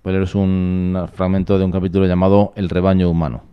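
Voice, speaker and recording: A man reading a novel aloud and commenting on it, in a measured, reflective way that leans on tag questions. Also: deep voice, monotone, smooth, muffled recording. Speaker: book reader and commentator.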